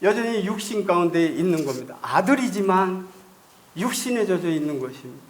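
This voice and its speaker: A man's voice: high voice, big pitch swings, fairly quick. A male pastor preaching a Sunday sermon in a church, putting rhetorical questions to the congregation. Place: church sanctuary.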